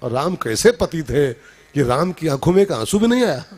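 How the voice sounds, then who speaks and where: Folksy storyteller with lilt. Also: male voice, a little high, sing-song, moderate pace, a little mellow. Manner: folksy, jokey storytelling with frequent "haan?" prompts to the audience. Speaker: kathavachak, religious storyteller. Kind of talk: devotional katha sermon with jokes and sung verses.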